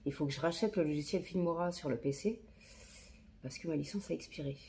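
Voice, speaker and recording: A woman's voice: sits low, fairly quick, warm tone, slight background noise. A woman chatting casually while filming a makeup tutorial on her phone, slangy and talking to herself as she works. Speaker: beauty vlogger. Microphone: phone camera.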